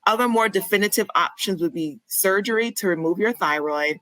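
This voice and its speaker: A woman from Barbados, a physician guest on a podcast, explaining clearly and speaking candidly. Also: medium pitch, fairly quick, a bit bright, dry recording, low-quality recording. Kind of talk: conversational podcast interview.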